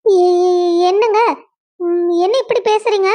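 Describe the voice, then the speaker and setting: A woman's voice: extremely high pitch, steady tone, takes it slowly, dark tone, faint music behind. A young woman acting a distraught wife who pleads with her husband in an emotional web drama. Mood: pleading.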